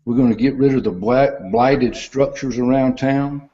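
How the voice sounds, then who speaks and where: A man's voice: medium pitch, fairly even intonation, moderate pace, mellow, muffled recording. An older man, a mayoral candidate on a video call, answering a forum question with plainspoken, repeated pledges.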